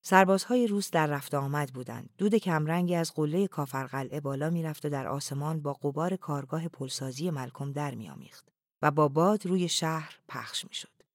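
Calm, hushed audiobook narrator. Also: medium pitch, no echo, studio quality. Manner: calm, even, often hushed.

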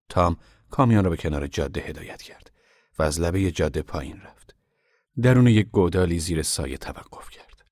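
A male narrator reads a novel in a calm, measured manner, sometimes sinking toward a hush. His voice is extremely deep, recorded close with a dry, roomless sound. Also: dry recording. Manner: calm, measured storytelling, at times hushed. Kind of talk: audiobook narration.

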